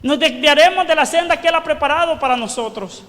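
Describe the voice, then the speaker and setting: Male pastor, very high bright voice, fervent sermon in a reverberant church hall. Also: fast. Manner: fervent preaching, asks the congregation questions, shouts quoted cries.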